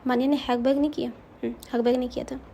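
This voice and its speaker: A woman's voice: high voice, flat delivery, fast, gravelly, mellow, slight background noise. A woman narrating a story in a chatty way, speaking directly to her listeners.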